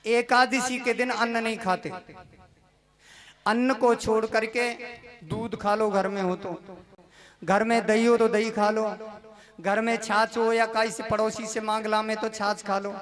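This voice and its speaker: High-voiced preacher telling folksy stories. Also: male voice, a little slow, long pauses. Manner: animated, switching into character voices. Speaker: religious storyteller preacher. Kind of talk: folksy sermon storytelling. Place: religious gathering with a seated audience. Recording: live crowd in the background. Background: audience murmur.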